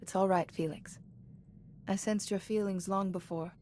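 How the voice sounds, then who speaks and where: An actress playing a calm, compassionate female sage in a video game, speaking with gentle composure. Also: mid-range voice, normal speed, slight background noise, close to an everyday voice.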